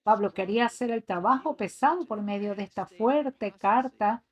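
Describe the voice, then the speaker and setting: A woman's voice: mid-range voice, moderate pace, husky, muffled recording. A woman giving an earnest voice-over translation of a sermon, reading scripture passages aloud. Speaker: sermon interpreter.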